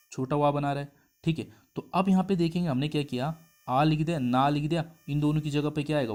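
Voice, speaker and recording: A man teaching a Hindi grammar lesson for an exam. He explains step by step, keeps asking his students whether they follow, and sounds out syllables slowly, repeating them. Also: a little high, a little mellow. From India. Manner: explains step by step, asks the class questions.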